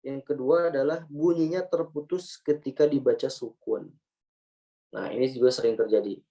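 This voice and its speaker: Indonesian guy teaching quran recitation, explains step by step, repeats example words real slow. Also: mid-range voice, mellow, rough recording. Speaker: tajwid teacher.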